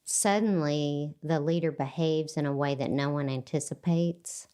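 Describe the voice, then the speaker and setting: A woman hosting an interview, calmly giving short affirmations and adding her own reflections. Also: sits low, measured pace, clear, resonant tone. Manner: calm, gives frequent short affirmations. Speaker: podcast host.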